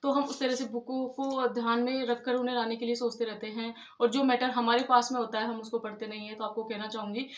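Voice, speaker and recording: A woman talks fast and earnestly, giving study advice to exam candidates in a casual, repetitive way. Her voice is fairly high but stays level, with little rise and fall. The room around her is echoey. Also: flat delivery. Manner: earnest, repeats "I'd like to tell you". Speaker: exam-prep tutor.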